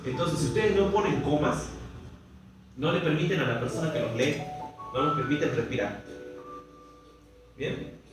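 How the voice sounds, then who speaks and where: A man's voice: a little high, normal speed, pauses often, very echoey, distant mic, over music, poor audio. A man with an Argentine accent teaching a language class, explaining step by step and often asking the students if they follow. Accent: Argentine Spanish. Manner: explains step by step, checks understanding with frequent questions. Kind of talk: classroom lesson.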